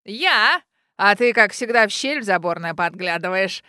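A woman reading an audiobook, voicing a lively, bossy old witch grandmother who talks loudly and brashly. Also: a little high, moderate pace, clear, resonant tone, no room sound, studio quality. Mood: brash, merry. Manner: loud, laughing and brash. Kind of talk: audiobook character voice.

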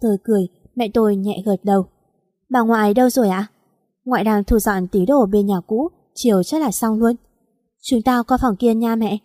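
A woman's voice: fairly high pitch, normal speed, warm tone, no echo, studio quality. A woman narrating a first-person story and reading every character's lines in her own voice.

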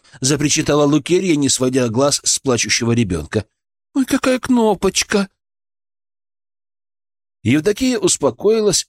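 Man, audiobook narration, expressive, lively pitch, mid voice, dry studio. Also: no room sound. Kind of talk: scripted narration.

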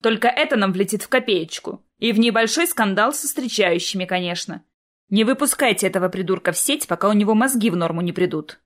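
A woman's voice: medium pitch, animated, fairly quick, close to an everyday voice. A woman voicing a weary, grumbling male otherworldly being who speaks plaintively and reluctantly.

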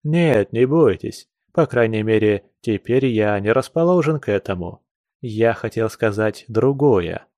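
A man's voice: lowish voice, lively intonation, a little slow, darkish tone, dry recording. A man reading a classic novel aloud, voicing a passionate, earnest young nobleman with urgent, lecturing speech.

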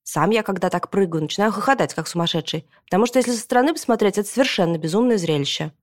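Female audiobook narrator, mid-pitched, lively storytelling of a kids' book. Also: racing. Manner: lively first-person storytelling in a boy's voice. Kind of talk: scripted narration of a children's book.

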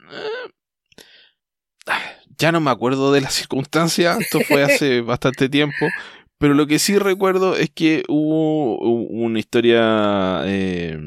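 A Chilean man hosting a podcast in casual chat, talking thoughtfully and often pausing to restart his sentences. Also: mid-range voice, clear, resonant tone, no echo, studio quality. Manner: thoughtful, hesitant, trails off and restarts mid-thought. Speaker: podcast host.

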